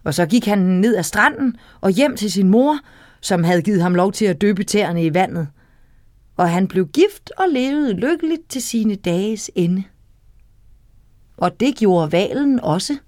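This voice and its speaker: A woman reading a children's story aloud, lively and talking straight to the young listener. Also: medium pitch, no echo, clean studio sound.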